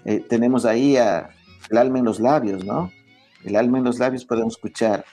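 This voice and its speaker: Fairly quick and mellow in a mid-range voice, an Ecuadorian man lectures on music history as an interview guest. He frequently checks in with "¿ya?" and restarts a lot.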